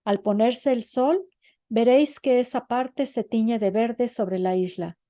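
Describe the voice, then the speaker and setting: A woman voicing an elderly female seer who talks with urgent, hushed certainty. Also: on the high side, a little slow, dry recording, clean studio sound, natural voice. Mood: assured.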